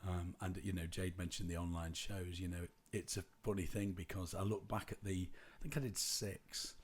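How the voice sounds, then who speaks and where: A man's voice: deep voice, fairly even intonation, normal speed, breathy edge. A man co-hosting a podcast, chatting casually in a rambling, jokey way that often breaks off mid-sentence. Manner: rambling, self-interrupting, jokey. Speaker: podcast co-host. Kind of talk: casual chat.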